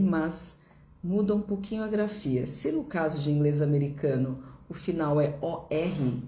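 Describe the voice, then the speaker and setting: A woman's voice: sits low, mellow, echoey room. A woman English teacher giving a live online lesson, explaining patiently step by step and repeating examples.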